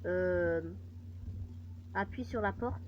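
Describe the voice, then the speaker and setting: Slow-talking woman playing games. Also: on the low side, slight background noise. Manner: reads game text aloud slowly, hesitant fillers. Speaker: gaming video host. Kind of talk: casual gameplay commentary. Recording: muffled lo-fi recording.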